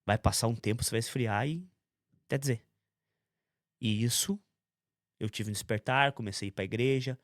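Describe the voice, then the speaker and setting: A man's voice: medium pitch, moderate pace, long pauses, no room sound, studio quality. A man from giving a testimony in a conversational interview, telling his story intensely and acting out other people's words. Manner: intense, animated storytelling with quoted voices.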